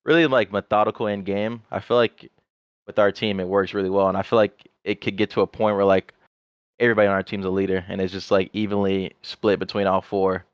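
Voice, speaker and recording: Brisk and flat, with a low pitch and clean tone, a young pro player speaks as a podcast guest in a loose, rambling way full of "like." There's no echo, though the recording comes across slightly muffled.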